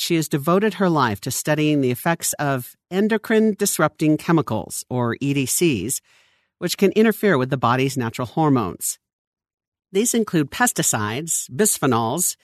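Lively narrator reading a news feature. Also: medium pitch, no room sound, clean studio sound. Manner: expressive storytelling reading. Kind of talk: scripted narration.

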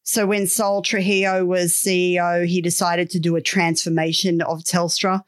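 A woman's voice: lowish voice, level tone, moderate pace. A middle-aged Australian woman telling stories in a casual interview, with a candid, wry, colloquial manner. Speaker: podcast guest, business owner.

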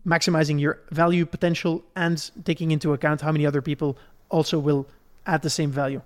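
Speaking fast with little pitch movement, a man from Belgium hosts a podcast in a fairly high voice. His teaching style is conversational: he lays out ideas one step at a time and keeps making sure the listener is keeping up.

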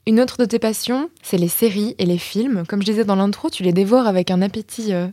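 A woman hosting a podcast, asking a guest friendly, measured questions. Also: mid-range voice, mellow, no room sound, studio quality. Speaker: podcast host. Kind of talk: interviewing a guest.

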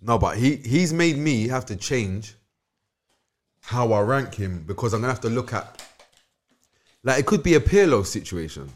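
A man's voice: mid-range voice, sing-song, moderate pace, long pauses. A man, co-hosting a casual football podcast, teasing and repeating his points. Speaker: podcast co-host.

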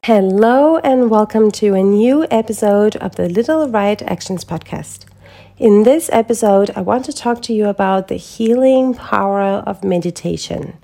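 A woman hosting her own wellness podcast, talking alone from a script. Her voice is mellow and soft-toned, at a middle pitch. She keeps a calm, measured, reflective pace throughout. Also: creaky, faint music behind. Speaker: podcast host and holistic health coach. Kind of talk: scripted solo podcast talk.

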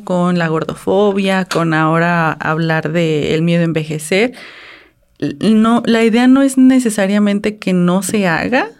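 A woman's voice: mid-range voice, a little mellow. A woman, co-hosting a casual podcast and reflecting aloud with questions. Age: 30s. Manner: reflective, asks herself questions. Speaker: podcast co-host.

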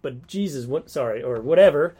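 A man's voice: mid-range voice, animated, brisk, dark tone, breathy edge. A man who teaches at a university, talking casually about course lectures, thinking aloud with many restarts and stumbles.

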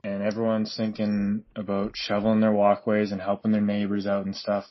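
A man grumbles and rambles on a voicemail, chuckling as he goes. His voice sits fairly low. The line sounds dull and lo-fi. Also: monotone, moderate pace. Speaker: voicemail caller.

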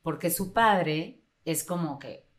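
A woman's voice: low-pitched, takes it slowly. Laughing Mexican woman telling stories. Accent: Mexican Spanish. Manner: animated storyteller, acts out quotes, laughs often. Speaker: podcast guest. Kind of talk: casual chat.

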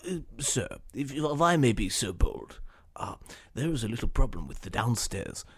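A man's voice: medium pitch, very animated, normal speed, slightly rough, voice pushed down. A man voicing a polite robot butler who speaks deferentially and hesitantly, with many ums and uhs. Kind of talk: improvised comedy podcast.

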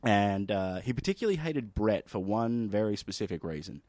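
A man's voice: lowish voice, animated, moderate pace, a little mellow, no room sound, studio quality. A man hosting a podcast, telling stories in a casual, laid-back way and swearing often. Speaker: podcast host. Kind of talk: casual chat.

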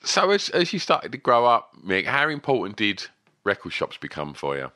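Animated low-voiced Essex man interviewing. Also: moderate pace, no room sound. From Essex, England. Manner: chatty, enthusiastic, rambling questions. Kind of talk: casual music interview.

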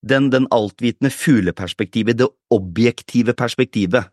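A man's voice: medium pitch, a little mellow, no room sound, clean studio sound. A man co-hosting a podcast, explaining ideas through a stream of rhetorical questions in casual chat. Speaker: podcast co-host.

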